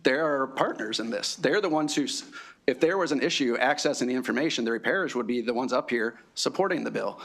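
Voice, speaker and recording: A man's voice: mid-range voice, animated, fairly quick, vocal fry, fairly bright tone. A man answering questions at a formal hearing as an industry representative, assertive and explanatory.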